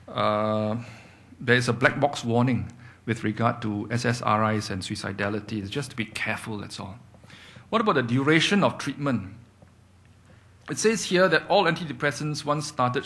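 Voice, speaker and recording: A man's voice: medium pitch, a bit bright. Man giving a clinical lecture. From Singapore. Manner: explanatory, repeats key points with rhetorical questions and "okay?". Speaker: psychiatrist lecturing doctors.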